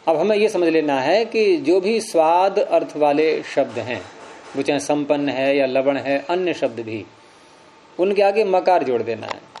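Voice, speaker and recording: Man, grammar teacher, fairly high voice, patient step-by-step explaining, asks and answers his own questions, faint background hum. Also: measured pace, a little mellow.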